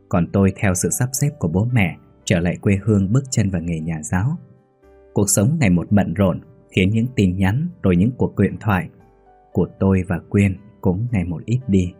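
A man calmly narrating a read-aloud ghost story in a steady storytelling manner. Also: low-pitched, slightly rough. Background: faint music.

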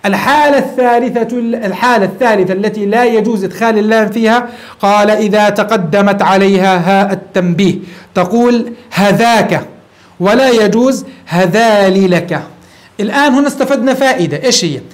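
A man teaching a grammar lesson, often checking in with quick rhetorical questions. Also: high voice. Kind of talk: classroom grammar lecture.

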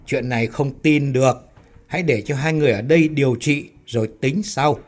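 A man's voice: medium pitch, brisk, a little mellow, close to an everyday voice. A man voicing a level-headed male foreman who brushes off talk of ghosts. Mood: skeptical. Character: calm, skeptical male foreman.

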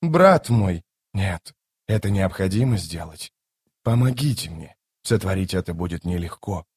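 A man voicing a grave, sorrowful elder god in an audiobook, speaking slowly and solemnly. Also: expressive, slightly rough, no room sound, clean studio sound, exaggerated voice. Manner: slow, low and solemn. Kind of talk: audiobook character voice.

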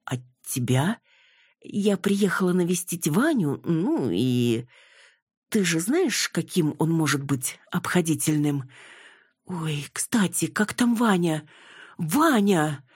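Woman doing a dramatic actress mom, high and indignant, husky voice, dry close audiobook sound. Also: expressive, slow, darkish tone, no echo, exaggerated voice. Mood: sheepish. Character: flustered theatrical older mother, an actress.

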